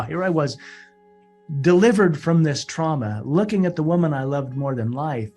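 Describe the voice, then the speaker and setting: A man telling a personal story in an earnest, halting way, often restarting and repeating words. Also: mid-range voice, darkish tone. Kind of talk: emotional first-person storytelling.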